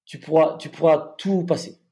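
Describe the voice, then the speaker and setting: Man retelling kind male army chaplain, gentle coaxing tone, dark soft voice. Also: fairly high pitch, fairly even intonation, normal speed, lightly acted. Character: kindly male army chaplain consoling a soldier.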